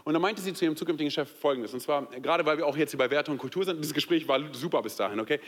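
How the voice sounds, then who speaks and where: A young man from Germany preaches to a church crowd in a chatty, animated way, talking straight to his listeners with lots of fillers. His voice sits fairly high for a man. It rings through a large hall with a long reverb tail. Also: very fast. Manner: animated, conversational preaching with many fillers and direct address. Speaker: pastor. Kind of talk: sermon.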